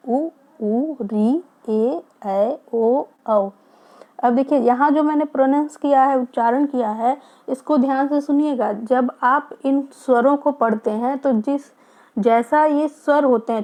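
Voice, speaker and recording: A woman teacher giving a grammar lesson, asking questions and answering them herself, explaining slowly and mixing English words into her speech. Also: a little high, warm tone. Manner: explains slowly and repeats points.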